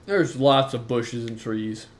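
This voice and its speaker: Man narrating as game master. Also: medium pitch. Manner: halting, filler-heavy narration.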